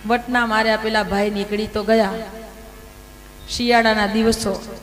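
A woman telling devotional scripture stories as a sermon, lively, with rhetorical questions and acted quotes. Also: medium pitch, a little slow, big-room sound, faint music behind, poor audio. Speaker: religious storyteller. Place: large hall at a temple event.

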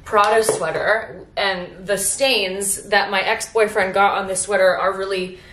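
A young woman talks into her phone at home in a casual vlog, rambling and animated, dropping swear words and "like" everywhere. Her voice sits at an ordinary middle pitch. The room around her is echoey. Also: measured pace, noisy background. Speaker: vlogger.

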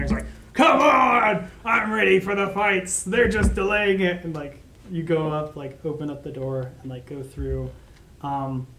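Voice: mid-range voice, a little mellow. Rambling game master in an echoey room. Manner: rambling, hesitant, full of fillers. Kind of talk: narrating a tabletop game. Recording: echoey room, faint noise.

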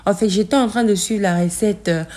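A thirtysomething woman vlogs at home with a medium-pitched, slightly mellow voice, slowly touring her kitchen and talking through the cooking. She fills pauses with "euh" and uses English for food words.

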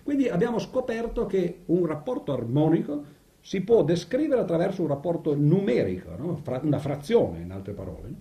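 An older man gives a lively public lecture on math and music, tagging his sentences with a questioning "no?" and dropping ironic asides. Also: fairly high pitch, a little fast. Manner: animated, constantly tags sentences with "no?", ironic asides. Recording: roomy echoing hall.

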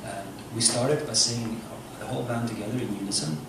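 A man with a mid-range voice, a musician, gives an informal and halting explanatory lecture to a seated audience in an indoor club room. The audio, picked up from afar as a stage mic plays through speakers, is echoey and noisy.

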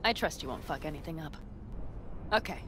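A woman's voice: sits low, expressive, fairly quick. A woman playing a tough, practical young outlaw driver in a video game, blunt, dry and confident. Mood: matter-of-fact. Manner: blunt, matter-of-fact, dry. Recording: clear vehicle noise behind voice.

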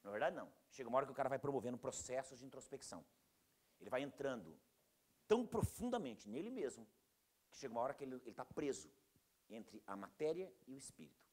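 A man teaching a class in a lively, animated way. He acts out the people he quotes in a raised voice and keeps asking the class whether it is true. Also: mid-range voice, quick pace, slightly rough. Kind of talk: classroom lecture.

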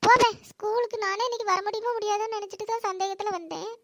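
Woman voicing a sulky cartoon schoolgirl, complaining, very high pitch. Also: fairly even intonation, fast, very noisy. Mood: grumbling. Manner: grumbling, complaining. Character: sulky schoolgirl who was hit by her sister.

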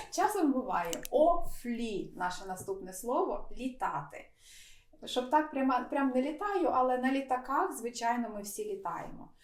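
A woman's voice: on the high side, expressive, moderate pace, echoey room, far from the mic, a little hiss or hum. Playful woman, a little off-mic. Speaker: language teacher co-host. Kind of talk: conversational language lesson.

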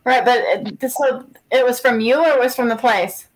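A co-host chats over a video call at an everyday pitch, reacting quickly and pressing with curious follow-up questions. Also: low-quality recording. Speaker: co-host paranormal team member. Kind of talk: casual chat on a video call.

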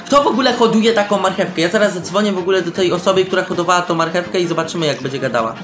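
Excitable young man, roomy echo. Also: high-pitched, rapid-fire. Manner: excitable, shouting and laughing, mixes in English slang. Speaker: gameplay commentator. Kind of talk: casual let's-play commentary. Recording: roomy echo with faint game music.

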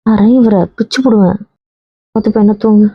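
A woman's voice: mid-range voice, fairly even intonation, moderate pace, husky, no room sound, highs cut off. Teasing, coaxing woman. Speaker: wife in a family drama. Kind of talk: scripted family drama dialogue.

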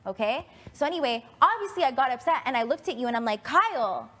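A woman's voice: sits high, animated, fast, a bit bright. A woman on a reality show retelling events emphatically and acting out what others said. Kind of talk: storytelling in an argument.

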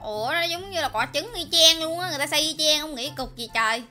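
A woman's voice: high voice, expressive, fast, bright, forceful tone, faint music behind. A woman playing a game with her co-host, bossy and mock-scolding. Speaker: gaming YouTuber co-player. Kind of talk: playful gameplay banter.

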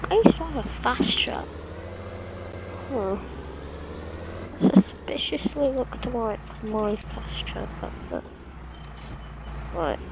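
A woman talks slowly through her gameplay, half muttering to herself in halting bits. Her voice is gravelly and swings widely in pitch. A clear hiss of noise sits under the recording. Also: muffled recording. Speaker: gameplay commentator. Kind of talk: casual gameplay commentary.

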